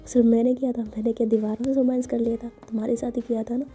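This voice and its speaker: A woman voicing a playful young woman who teases and brushes things off, in a husky, mellow voice. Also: a little high, level tone, quick pace, faint music behind. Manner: teasing, giggly.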